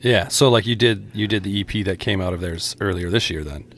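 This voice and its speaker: A man hosting an interview, asking questions in a relaxed, curious way. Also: low voice, a little fast. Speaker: interviewer, host. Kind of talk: casual interview chat.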